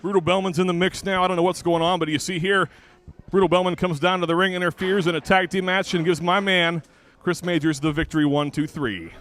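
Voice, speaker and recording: A man with a high voice co-hosts a wrestling show. He recaps the matches and banters like one of the show's own personalities. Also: fairly even intonation, a little fast, a bit bright.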